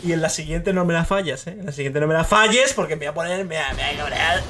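A young man with a Spain Spanish accent giving live gameplay commentary, swearing freely and bursting into shouts at the big plays. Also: fairly high pitch, fast talker, slight background noise. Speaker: streamer. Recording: game music clearly behind the voice.

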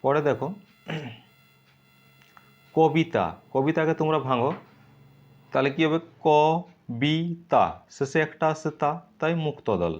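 A man teaching a video lesson, splitting words into syllables slowly and answering his own questions. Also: on the high side, dull audio.

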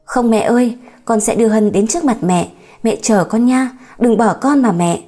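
A woman's voice: medium pitch, normal speed, dark tone, soft background music, lightly acted. A woman voicing a pleading, remorseful young husband. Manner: pleading, emotional.

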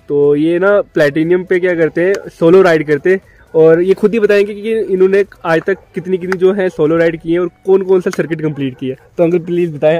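A chatty young travel vlogger and biker talks to his handheld phone in selfie mode while on a riding trip, feeling cold at a rainy hillside camp outdoors. His voice sits on the high side and is a little mellow.

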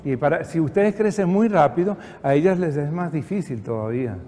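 An older man runs a choir rehearsal, giving patient, encouraging directions with a bit of dry humor. His voice is fairly high, animated, brisk and mellow, captured in an echoey hall with faint background noise.

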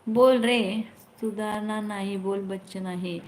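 A woman's voice: medium pitch, fairly even intonation, slow, echoey room. A woman hosting a casual live stream on her phone. She chats, reads viewers' comments aloud, answers them and gives friendly advice.

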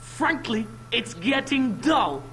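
A woman's voice: fairly high pitch, big pitch swings, takes it slowly, a bit bright, slight background noise, full character voice. A woman voicing a possessed boy with a demonic layered voice. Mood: bored, cruel. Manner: cold, haughty and taunting. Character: young boy possessed by a cruel, imperious demon. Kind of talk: video game dialogue.

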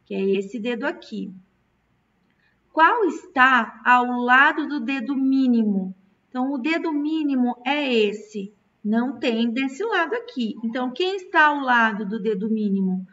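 A woman's voice: fairly high pitch, lively intonation, measured pace, a bit bright. A Brazilian woman teaching a recorded lesson to children, patient and stretching out key words. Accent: Brazilian Portuguese. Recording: distant, dull lo-fi mic.

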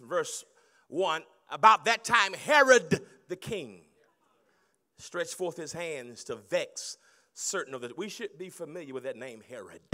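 A middle-aged pastor with a fairly high voice preaches a sermon on a handheld mic in a large banquet hall. He shifts between hushed storytelling and loud shouting.

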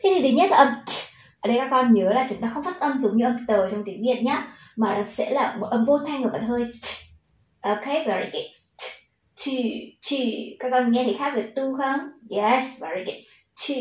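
A woman's voice: on the high side, echoey room, rough recording. A woman with a Vietnamese accent teaching children English pronunciation, patient and encouraging, stretching out the model words.

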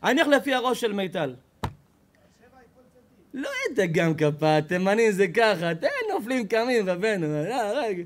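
Man, rabbi's sermon, high voice, lively storytelling, acts out quoted voices. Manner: expressive storyteller, acts out quoted people with loud high shouts. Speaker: rabbi giving a Torah class. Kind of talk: animated sermon.

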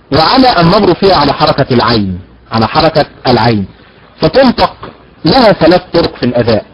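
A man giving a recorded lecture on recitation, slowly demonstrating word stress, then explaining briskly and answering his own rhetorical questions. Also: on the high side, a little hiss or hum. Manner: asks rhetorical questions and answers them himself. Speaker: teacher of Quranic recitation. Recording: dull lo-fi recording.

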